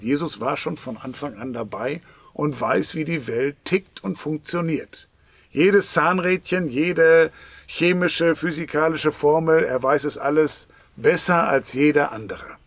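A man's voice: fairly high pitch, gravelly, husky, dry recording. A man preaching a sermon, emphatic, often dropping to a whisper at the end of a phrase.

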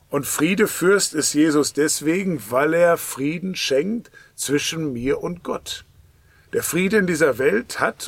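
Man, preacher, sermon, gravelly, husky, emphatic with whispered phrase endings. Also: medium pitch.

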